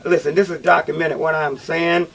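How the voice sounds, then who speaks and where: A man hosting a talk radio call-in show, speaking in a halting, repetitive and emphatic way. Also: fairly high pitch, little pitch movement, creaky.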